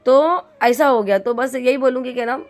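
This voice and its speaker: A woman's voice: high-pitched, moderate pace, faint music behind. A middle-aged woman from India telling a vlog story to her viewers, chatty and rambling with lots of fillers and restarts. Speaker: vlogger.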